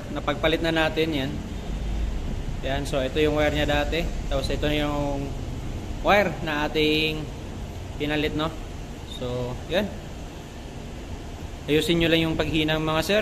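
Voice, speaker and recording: A man with a Filipino accent and a slightly high voice chats casually as a motorcycle vlogger over a noisy background. In this vlog chat and DIY walkthrough, he explains things conversationally to viewers and often repeats himself.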